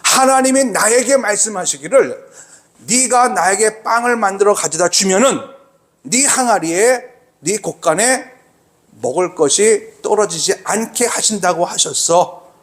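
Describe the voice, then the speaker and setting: A male pastor voicing a stern male prophet who gives commands slowly, in a sermon. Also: sits high, expressive, fairly bright tone. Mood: commanding.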